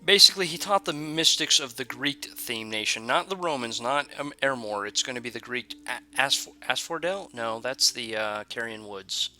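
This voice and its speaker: A man's voice: mid-range voice, lively intonation, moderate pace, few pauses, pushed and bright, soft background music. A young man hosting a strategy-game let's play, thinking aloud and correcting himself as he explains the lore and his moves. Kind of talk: casual gameplay commentary.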